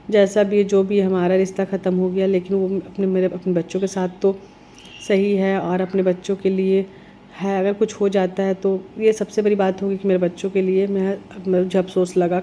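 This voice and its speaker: A middle-aged woman with a cold, talking earnestly in a casual vlog, her voice heavy and hoarse. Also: dark tone, a little hiss or hum. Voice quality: heavy, low-sounding voice. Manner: earnest, reflective, rambling. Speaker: vlogger.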